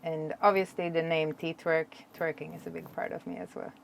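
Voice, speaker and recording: Woman, Swedish accent with Jamaican patois touches, low voice, animated, casual chat. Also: fairly quick, creaky, a little hiss or hum. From Sweden. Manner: chatty, laughs easily, animated storytelling. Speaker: dancehall artist. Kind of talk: casual interview answers.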